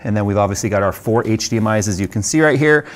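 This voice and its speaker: A man's voice: fairly low pitch, fast. A man in his forties casually reviewing tech gear, talking in a chatty, rambling way with frequent ums and laughs, in a studio room with a desk setup. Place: studio workshop and desk setup with purple and red lighting.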